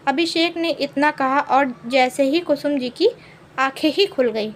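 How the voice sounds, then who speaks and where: A woman storyteller narrating a family drama in a lively, dramatic way. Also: high-pitched, measured pace, a little hiss or hum.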